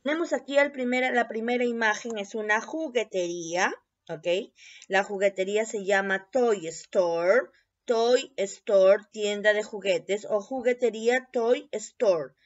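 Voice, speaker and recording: A woman teaching a bilingual English lesson, repeating each word slowly and often checking with a quick "ok?". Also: mid-range voice, fairly bright tone. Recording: dull lo-fi recording.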